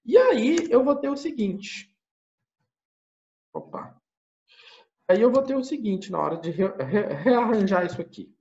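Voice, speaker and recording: A man's voice: high voice, darkish tone, lo-fi sound. Brazilian man thinking aloud through math. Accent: Brazilian Portuguese. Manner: thinks aloud, asks and answers his own questions; frequent tag questions. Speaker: university math teacher. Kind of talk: lecture walking through a calculation.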